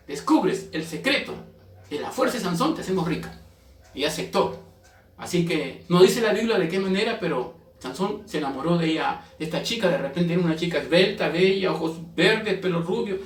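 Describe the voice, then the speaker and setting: Male pastor, storytelling sermon, emphatic; roomy echo, distant mic. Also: high-pitched. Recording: echoey room, mic far off.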